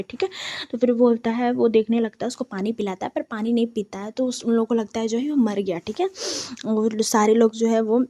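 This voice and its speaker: A woman teacher explaining a play in Hindi. She retells each scene, then reads the quoted lines slowly. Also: a little high, mellow.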